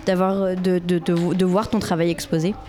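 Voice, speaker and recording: A woman reporter interviewing participants, asking her questions gently with some hesitation. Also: fairly low pitch, flat delivery, moderate pace, faint music behind.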